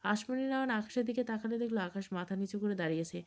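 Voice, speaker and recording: A woman's voice: medium pitch, quick pace. Woman narrating an audiobook romance.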